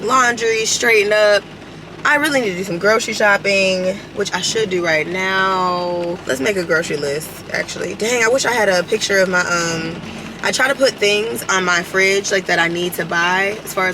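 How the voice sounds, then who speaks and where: Late-20s woman vlogger, chatty and drowsy, mid-pitched, rain noise in the recording. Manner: chatty, sleepy, addresses viewers as y'all. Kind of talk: casual vlog chat. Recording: noisy background with rain.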